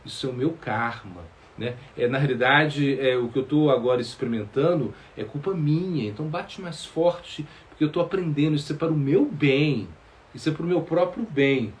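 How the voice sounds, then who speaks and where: A man's voice: fairly high pitch, normal speed, close to an everyday voice. A man voicing a young boy who humbly and earnestly accepts his punishment. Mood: pleading.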